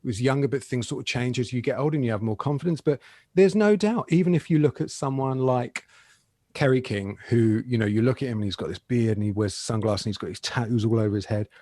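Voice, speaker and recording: A man's voice: medium pitch, fast, mellow, no echo. A man in his forties from England, a guitarist being interviewed in a casual podcast chat, talking in a chatty, self-deprecating way with frequent laughs. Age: 40s.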